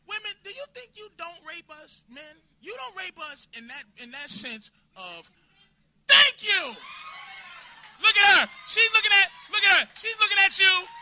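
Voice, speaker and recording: Man, stand-up comic, crude, confrontational, lively pitch swings, faint background noise. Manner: crude, confrontational, bursts into shouting. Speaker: stand-up comedian. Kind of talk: stand-up set. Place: comedy club.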